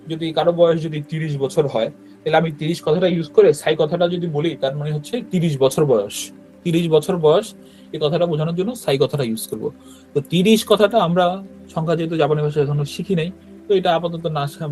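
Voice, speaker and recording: Male language teacher, patient and explanatory, slightly high voice, faint music underneath. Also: a little mellow. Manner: explains patiently, keeps checking with "right?". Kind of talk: online language class.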